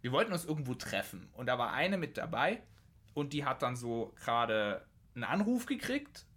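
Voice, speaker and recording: Guy in his twenties, bright sharp voice, slangy and hyped while chatting. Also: medium pitch, big pitch swings, normal speed, husky. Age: 20s. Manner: slangy, enthusiastic storyteller. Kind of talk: casual chat.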